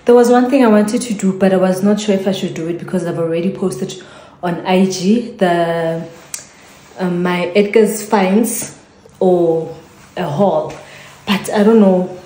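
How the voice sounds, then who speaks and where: Low-voiced South African woman vlogging. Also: fairly even intonation, unhurried, mellow. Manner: chatty, repeats her thanks, trails into fillers. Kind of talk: casual vlog sign-off. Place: at home. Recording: echoey room.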